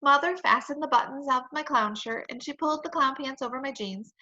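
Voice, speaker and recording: High bright woman reading aloud to kids. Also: fairly quick, lo-fi sound. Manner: expressive, playful storytelling. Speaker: children's book reader. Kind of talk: reading a children's chapter book aloud.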